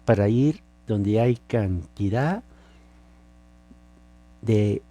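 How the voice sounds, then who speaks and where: A man's voice: lowish voice, drawn-out words, dark tone. A man preaching a sermon, teaching with emphasis and asking rhetorical questions. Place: lives in California.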